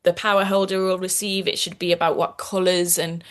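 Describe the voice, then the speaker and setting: A woman's voice: lowish voice, flat delivery, fairly quick. A woman with a Scouse accent, a guest in a podcast interview, explaining at length in an earnest way with frequent restarts. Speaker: guest, activist and author.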